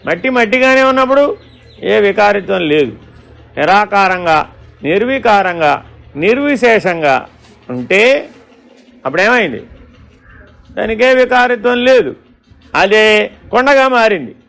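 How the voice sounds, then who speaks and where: Male spiritual teacher, high-pitched and gravelly, questioning, storytelling discourse. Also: animated, measured pace, pauses often, fairly bright tone, faint music behind. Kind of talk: Vedanta discourse.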